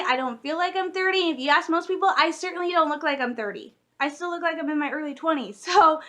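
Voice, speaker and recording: A woman's voice: very high voice, sharp tone. A woman in her late twenties chatting casually to the camera from her room at home, rambling and giggling, with lots of fillers. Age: late 20s. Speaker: vlogger.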